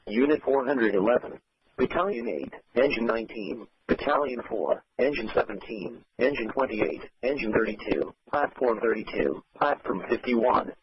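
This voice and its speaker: A man reading out a formal fire alarm dispatch over the radio, unit by unit. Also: mid-range voice. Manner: formal, listing units item by item. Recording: dull, rough radio dispatch audio.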